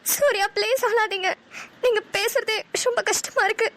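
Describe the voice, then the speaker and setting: A woman voicing a gentle comforting businesswoman. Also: extremely high pitch, fairly even intonation, moderate pace. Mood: caring, concerned. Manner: soft, soothing, caring. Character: kind young businesswoman, gentle comforting friend. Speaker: cartoon voice actor. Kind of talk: Tamil cartoon dialogue.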